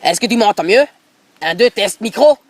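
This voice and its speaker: Speaking into a phone held near his mouth, a man pranks someone as a middle-aged football coach with an Alsatian accent. He rambles pushily and repeats filler tags, his high voice animated at a normal speed.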